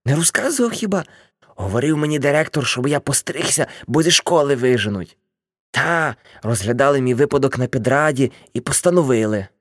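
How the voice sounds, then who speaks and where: A woman's voice: very deep voice, animated, brisk, no echo, clean studio sound. A woman voicing an older man, a boastful ex-hippie uncle, telling rambling brash stories in an audiobook.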